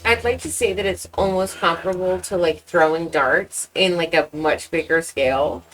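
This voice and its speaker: A woman's voice: fairly low pitch, moderate pace, fairly bright tone, low-quality recording. A woman interviewing in a casual, chatty and agreeable way. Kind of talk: casual chat.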